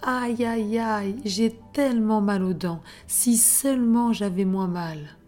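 A huge but kind storybook dinosaur groaning in pain over his teeth, read by a woman in a near-plain voice. The delivery is slow and mellow, with soft music faint behind. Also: mid-range voice, lightly acted. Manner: pained, moaning. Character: huge T-Rex in pain, gentle giant.

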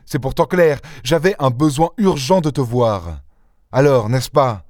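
A man reading an audiobook, voicing a playful, mocking gentleman thief who speaks with mock affection. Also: medium pitch, expressive, unhurried, no room sound, studio quality, voice pushed up, close to an everyday voice. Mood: teasing. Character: charming teasing gentleman thief, young man. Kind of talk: audiobook character voice.

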